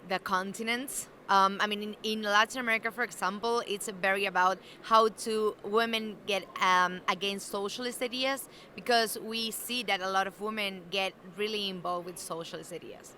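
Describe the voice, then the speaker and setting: A woman with a Uruguayan Spanish accent and a bright, mid-pitched voice, feeling her way through answers with plenty of "um" and "like". A faint convention murmur sits under her. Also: steady tone, moderate pace, few pauses, a little hiss or hum. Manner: hesitant, many "um" and "like" fillers. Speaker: interviewee, alliance member. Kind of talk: casual interview chat. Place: busy convention venue.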